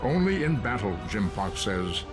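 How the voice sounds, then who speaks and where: Solemn elderly Vulcan elder; grave, measured game narration with loud music underneath. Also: male voice, fairly low pitch, big pitch swings. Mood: grave, foreboding. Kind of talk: dramatic scripted game narration.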